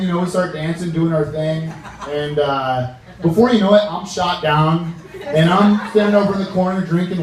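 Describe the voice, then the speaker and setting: A young American man delivers a casual best man's toast in a slightly high voice, halting and joking as he goes. He is heard at a distance in a heavily echoing room, with a clearly audible crowd around him. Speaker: best man giving a wedding speech. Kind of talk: informal wedding toast. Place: large reverberant room with a reacting crowd. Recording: echoey room, distant mic, audience noise.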